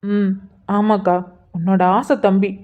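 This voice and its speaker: A woman's voice: medium pitch, flat delivery, slow pace, phone-quality sound, lightly acted. A woman voicing an earnest young man who keeps pressing his elder sister with pleading, insistent questions in a cartoon. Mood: probing. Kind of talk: cartoon voice acting.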